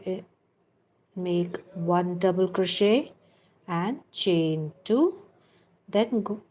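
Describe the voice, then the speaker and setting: A woman runs a live crochet tutorial as teacher and livestream host, counting stitches aloud and giving patient step-by-step guidance with chatty asides to viewers. Her voice is on the low side with a darkish tone.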